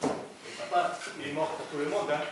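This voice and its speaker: A man's voice: fairly high pitch, steady tone, moderate pace, lightly acted. A man acting a touchy, stammering son who has just lost his father, on stage in a live play, with a southern French accent. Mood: stubborn. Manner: stammers and flares up in indignant bursts. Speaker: stage actor. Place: theatre stage. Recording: echoey theatre, distant mic, audience noise.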